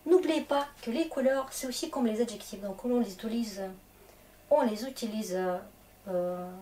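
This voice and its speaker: A woman's voice: a little high, warm tone, distant mic. A woman teaching a grammar lesson in a casual, chatty way, often checking in with her students to encourage them. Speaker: Russian teacher.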